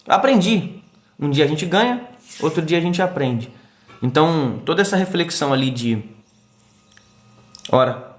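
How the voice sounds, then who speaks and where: Middle-aged Brazilian male therapist, live-stream host; slightly high voice, animated delivery, roomy echo. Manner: animated, acts out quick quoted voices. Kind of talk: casual live-stream talk. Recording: echoey room.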